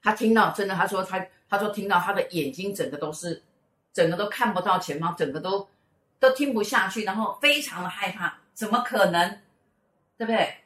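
A woman's voice: medium pitch, fairly quick, roomy sound. A middle-aged woman with a Taiwanese Mandarin accent, telling a story in casual chat and acting out the lines of the people in it. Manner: animated storyteller who acts out quoted speech. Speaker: host, mother.

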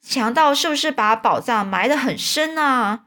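A woman reading aloud as a scrappy, carefree boy in a storybook, blunt and a little whiny. The voice sits fairly high, with a lilt. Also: lively intonation, normal speed, bright, forceful tone. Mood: casual, curious.

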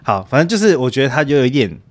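Lively man chatting about films. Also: mid-range voice, rapid-fire. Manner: laughs often, animated, hesitant restarts. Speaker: podcast co-host. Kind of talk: casual chat about movies.

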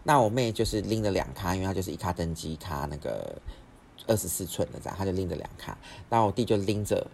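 A young man, hosting a podcast and telling a story in a rapid, rambling way with frequent restarts. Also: low-pitched, expressive, creaky, a little mellow, slight background noise. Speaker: podcast host. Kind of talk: casual storytelling.

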